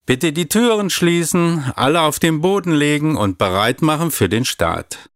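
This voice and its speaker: A man voicing a young girl who commands a rocket as captain, in a brisk, commanding way. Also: a little high, animated, no echo, clean studio sound, voice pushed up.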